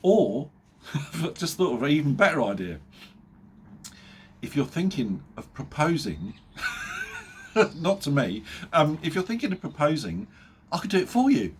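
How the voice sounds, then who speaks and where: This middle-aged motorbike vlogger has a nasal cold voice on the high side, very animated, at a measured pace with frequent pauses and a little hiss or hum. Chatting casually to camera, he jokes, laughs at his own lines and says um a lot.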